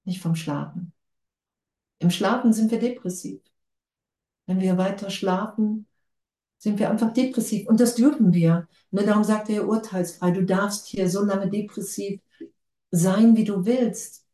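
A woman's voice: mid-range voice, fairly even intonation, measured pace, warm tone. Enthusiastic woman teaching in an echoey room. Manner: enthusiastic, casual, laughs often. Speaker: spiritual teacher. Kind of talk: spiritual talk to a group.

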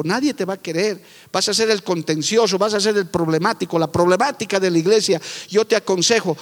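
A middle-aged man preaching fervently as a pastor, moving between loud proclamations and quiet, confiding asides. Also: high-pitched. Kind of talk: sermon. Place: church sanctuary with long reverb. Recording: echoey church hall.

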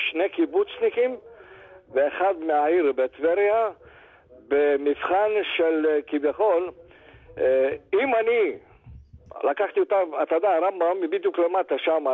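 An older man and grandfather calling in to a radio show, telling a story in an animated way and acting out the dialogue. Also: fairly high pitch. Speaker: caller. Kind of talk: phone-in storytelling. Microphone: telephone. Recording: tinny phone line.

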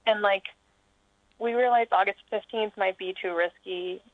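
A woman's voice: medium pitch, steady tone, unhurried, dry recording. A woman in her thirties, a guest chatting casually with lots of fillers and rambling asides. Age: 30s. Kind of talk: casual chat over a phone line. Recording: tinny phone line.

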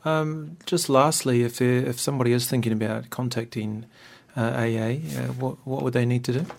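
A man hosts a relaxed interview in a medium-pitched voice full of fry. He is courteous and informal, putting questions simply to his guest. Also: moderate pace, slight background noise. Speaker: radio interview host. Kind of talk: casual interview hosting.

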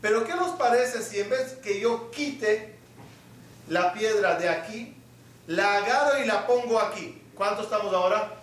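High-voiced rabbi preaching in an echoey hall. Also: male voice, measured pace, a bit bright, distant mic. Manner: asks the audience questions and acts out little scenes. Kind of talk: sermon. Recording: echoey hall, mic from afar.

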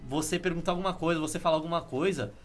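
A man's voice: fairly high pitch, very fast, soft background music. A man with a Brazilian Portuguese accent co-hosting a casual podcast chat, explaining at length and joking. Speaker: podcast co-host.

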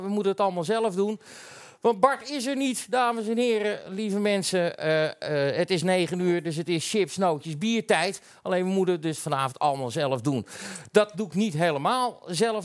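A Dutch man hosting a casual talk show, with a slightly higher pitch than most men. He talks in a chatty, rambling way and often restarts his sentences. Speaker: host.

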